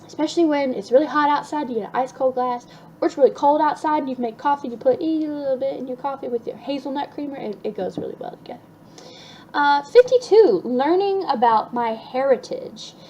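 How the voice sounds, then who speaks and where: A woman's voice: sits high, lively intonation, brisk, warm tone, a little hiss or hum, poor audio. A young woman chatting casually through a list of her favorite things, upbeat with lots of ums and restarts. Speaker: vlogger.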